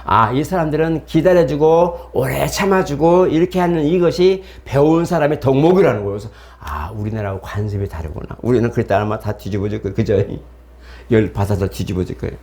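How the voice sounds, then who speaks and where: A middle-aged male pastor delivers a sermon in an easy, conversational voice of ordinary pitch. He slips into the voices of the people in his stories, so his tone swings up and down as he preaches. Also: brisk, darkish tone.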